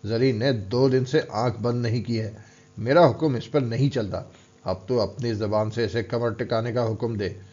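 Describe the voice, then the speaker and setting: A man reads as a harsh, bullying strongman in a storybook, his voice at a middling pitch and slightly dull on a lo-fi recording. He scolds and taunts in a rough, commanding manner. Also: moderate pace, a little mellow, lightly acted. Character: gruff older male strongman mentor, stern and mocking.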